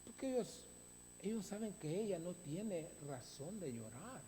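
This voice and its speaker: A man preaching a sermon as pastor, stressing words with long dramatic pauses, recorded in a church sanctuary. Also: high voice, sing-song, dark tone. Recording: reverberant hall, faint hum.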